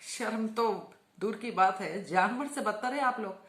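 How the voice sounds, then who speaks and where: A woman's voice: mid-range voice, a little slow, fairly bright tone. A woman making a fervent, emphatic religious appeal, repeating words for emphasis. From Hyderabad, India. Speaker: religious speaker. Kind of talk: impassioned video appeal. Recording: roomy echo.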